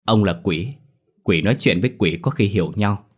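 A man voicing a bold young male exorcist who answers bluntly and briskly. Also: lowish voice, close to an everyday voice. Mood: brusque.

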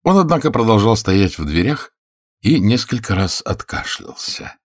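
A man reading a comic novel aloud in measured literary narration. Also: fairly low pitch, big pitch swings, dry recording, clean studio sound. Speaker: audiobook reader. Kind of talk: scripted narration.

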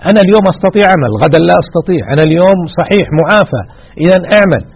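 Fast, gravelly sheikh exhorting his listeners. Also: high voice, muffled recording. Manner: exhorting, repeats key words for emphasis. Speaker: sheikh teaching hadith. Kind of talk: religious lesson.

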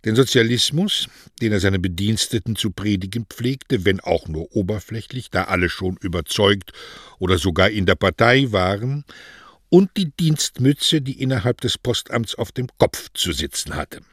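A man reading a novel aloud in lively, expressive storytelling narration. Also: fairly low pitch, normal speed, husky, no room sound, clean studio sound. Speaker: reader. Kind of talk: audiobook narration.

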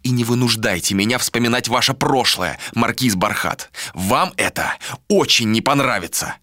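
A man voicing a stern young lord in an audiobook, speaking in a slow, cold and formal way. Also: mid-range voice, animated, bright, forceful tone, no echo, studio quality. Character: stern, authoritative young man laying down rules. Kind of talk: audiobook character voice.

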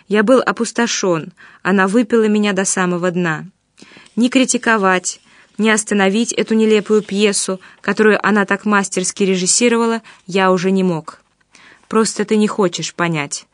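A woman reading an audiobook in a steady, measured way. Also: mid-range voice, dry recording, clean studio sound. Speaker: narrator.

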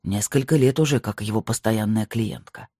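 A man's voice: fairly low pitch, dark tone, dry recording, studio quality, voice pushed down, close to an everyday voice. A reader doing a stern, weary male medium. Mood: curt. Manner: slow, clipped and curt.

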